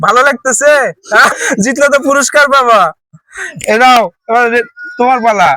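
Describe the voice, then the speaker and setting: An adult host running a children's game, coaxing and cheering the kids on with quick repeated encouragement. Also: medium pitch, sharp tone, no echo. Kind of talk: running a live kids' game. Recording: noisy crowd of children around.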